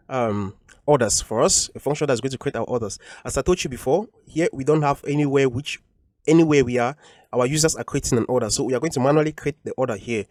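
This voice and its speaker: A man's voice: medium pitch, darkish tone, dry recording, studio quality. A man teaching a coding tutorial over a screen recording, explaining patiently and repeating each point with frequent ums.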